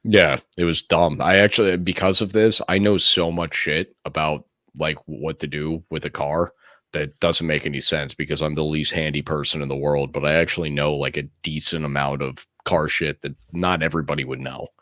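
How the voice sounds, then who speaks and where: Male co-host, extremely deep and dry, loose and sweary, corrects himself constantly. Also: little pitch movement, normal speed, fairly bright tone, no room sound. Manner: rambling, profane, self-correcting. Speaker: podcast co-host. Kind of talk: casual sports chat.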